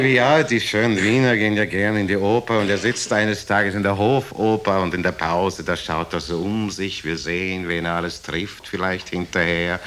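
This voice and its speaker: A man telling jokes on a comedy record, chatty and relaxed. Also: fairly low pitch.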